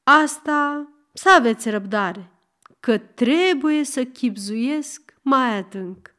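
A woman's voice: high-pitched, lively intonation. Woman doing an exasperated old judge. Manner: shouting, questioning, exasperated. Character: stern weary old male judge.

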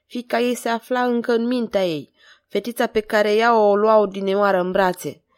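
A woman narrating an audiobook chapter in a measured, dramatic reading. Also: mid-range voice, steady tone. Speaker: volunteer audiobook reader.

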